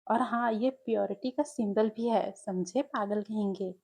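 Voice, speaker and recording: A woman's voice: mid-range voice, a little slow, vocal fry, a little mellow, husky. A woman voicing a cheerful older brother who talks in a jovial, chatty way.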